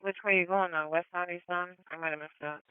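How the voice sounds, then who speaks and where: A woman's voice: on the low side, fairly even intonation, fast, slight background noise. A woman working as an emergency dispatcher on police radio, reading out codes and addresses procedurally over a radio transmission. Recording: phone-like police scanner radio, dry.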